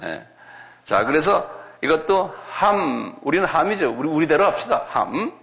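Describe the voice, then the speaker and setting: A middle-aged man teaching a slow, step-by-step classroom Bible lecture, often asking the class to repeat words aloud. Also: on the high side, very animated, creaky, fairly bright tone. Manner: chuckles, talks directly to students.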